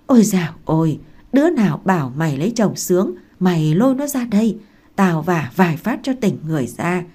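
A woman reading aloud and voicing a blunt, gruff old village woman who scolds loudly and talks coarsely. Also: on the low side, sing-song, brisk. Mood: scolding.

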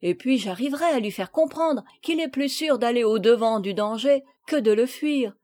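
A woman's voice: on the high side, normal speed, close to an everyday voice. A woman reading the part of an affectionate young son, speaking eagerly with rising, exclaiming phrases. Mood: earnest. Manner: excited, breathless, exclaiming.

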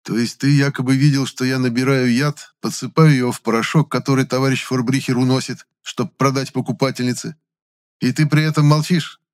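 A man voicing a quick-witted teenage boy who speaks in a mocking, firm way. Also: medium pitch, darkish tone, no room sound, studio quality, pitched above the performer's own voice, lightly acted.

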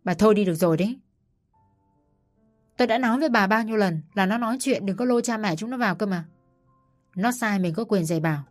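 A woman voicing a stern, quick-tempered older father-in-law who scolds his wife. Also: mid-range voice, soft background music, close to an everyday voice. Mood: stern anger. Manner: gruff, scolding.

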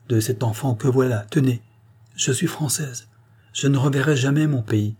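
A man doing a soft-spoken, dignified queen. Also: medium pitch, breathy edge, pitched above the performer's own voice, natural voice. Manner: soft, sweet and majestic. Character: gentle, dignified queen, middle-aged woman.

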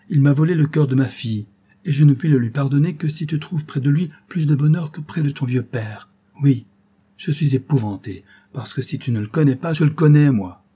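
A wealthy old father from a storybook, grave and earnest, lecturing his daughter with protective worry, read by a man in his own voice. The voice is mellow and slightly husky. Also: medium pitch, lightly acted. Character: anxious older wealthy banker, protective father.

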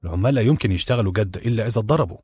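A man gives voice to a flattering Egyptian head waiter who speaks deferentially and insistently. The voice is quick and husky, recorded close and dry. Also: lowish voice, no room sound, soft background music. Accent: Egyptian Arabic. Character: flattering middle-aged male head waiter.

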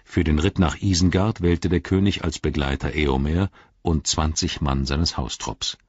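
A man reading a fantasy novel aloud as narrator, in a steady, formal storytelling manner. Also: very deep voice, moderate pace, slightly rough, dry recording, highs cut off. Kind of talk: scripted audiobook narration.

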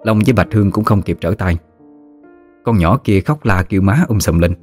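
A man with a Southern Vietnamese accent tells a story in a lively, slangy, teasing manner. His voice sits on the low side, and soft background music plays beneath him. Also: moderate pace. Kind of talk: colloquial story narration. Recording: faint music behind.

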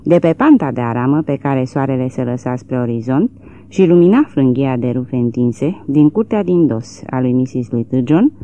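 A woman with a low, dark voice narrates a novel, and her reading is measured and expressive, with lively swings in pitch. The recording sounds slightly dull and lo-fi. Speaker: audiobook narrator. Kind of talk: literary audiobook narration.

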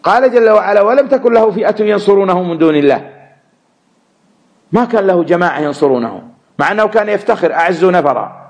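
A man teaching Quran commentary, measured and repeating words to stress them. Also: sits high, expressive, lo-fi sound. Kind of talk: religious lesson explaining verses.

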